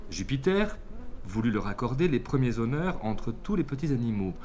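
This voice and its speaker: A man reading old fables aloud in a measured storytelling voice. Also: mid-range voice, sing-song, a little mellow, a little hiss or hum. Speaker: reader.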